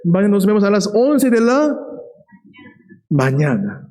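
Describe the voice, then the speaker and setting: A man preaching a sermon in a lively way. He often checks in with the listeners and slows down to stress key words. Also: sits high, poor audio.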